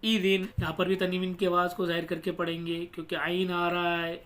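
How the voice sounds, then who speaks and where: Man, high voice, bright tone, Quran reading teacher, patient explaining, slow syllable-by-syllable drilling. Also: level tone. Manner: explains patiently, then spells out syllables slowly.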